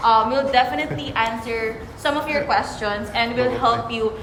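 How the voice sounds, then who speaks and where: A woman's voice: a little high, moderate pace, a bit bright, slight background noise. A woman with a Filipino accent hosting a casual podcast chat while eating, upbeat and switching between English and Tagalog. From Philippines. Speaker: membership consultant and podcast host. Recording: echoey room.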